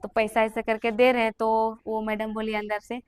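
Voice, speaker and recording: A woman's voice: fairly high pitch, little pitch movement, normal speed, clean tone. Earnest young woman. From Jharkhand, India. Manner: earnest and emotional, acting out the people she quotes. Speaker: testimony giver.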